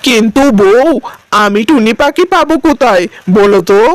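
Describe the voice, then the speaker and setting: A woman's voice: a little high, expressive, moderate pace, dry recording, natural voice. A woman voicing a meek owl father. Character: weak-willed owl father, cold to his daughter. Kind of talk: dubbed cartoon acting.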